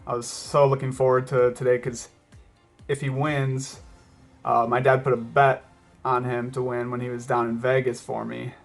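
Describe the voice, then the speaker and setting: Gravelly-edged, even-toned man vlogging casually. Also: mid-range voice, normal speed, soft background music. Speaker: running vlogger. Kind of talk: casual vlog talk to camera.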